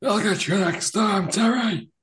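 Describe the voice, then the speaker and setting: Man doing a sputtering cowboy villain, pitched up. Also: a little slow, a bit bright. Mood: foiled fury. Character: swaggering cowboy wrestler villain, sputtering when foiled.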